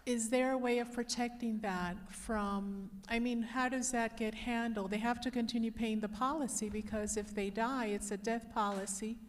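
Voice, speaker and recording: A woman's voice: on the high side, steady tone, moderate pace, hardly any pauses. A woman in the audience hesitantly asking a question at a church workshop. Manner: hesitant, searching for words. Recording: long hall reverb in church.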